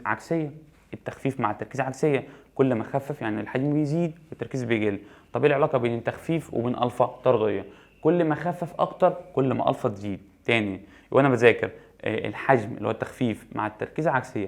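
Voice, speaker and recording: Reviewing for a chemistry exam, the Egyptian Arabic-accented teacher speaks at a medium pitch with vocal fry. He asks questions and answers them himself, going over the main points again.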